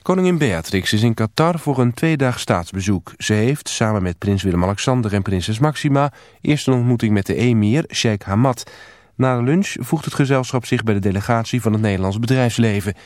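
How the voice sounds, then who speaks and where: A male newsreader delivers a scripted radio bulletin, even and formal. The studio sound is close and dry, with a mid-pitched voice. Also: fairly quick, no echo. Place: news studio.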